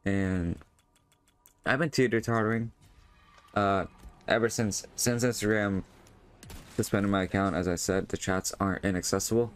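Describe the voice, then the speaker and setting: A man's voice: lowish voice, steady tone, moderate pace, pauses often, faint music behind. A young man vlogging in a casual, rambling way, full of fillers and restarts, with a voice he says feels strained. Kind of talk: casual monologue over gameplay.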